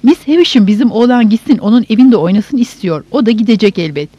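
A woman's voice: fairly high pitch, expressive, fast, warm tone, slightly rough, no echo, highs cut off. A woman doing a scolding bossy older sister. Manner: scolding, sarcastic, nagging.

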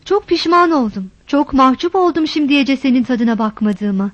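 A woman's voice: high-pitched, normal speed, no echo, lo-fi sound. Woman doing a coarse, wheedling village man. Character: rough, boastful village man courting a woman.

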